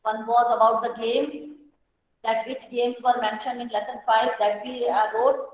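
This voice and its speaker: Indian lady teacher, high voice, really slow and patient, dull lo-fi call audio. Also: flat delivery. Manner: patient, explains slowly, mixes Hindi and English. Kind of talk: online class lesson.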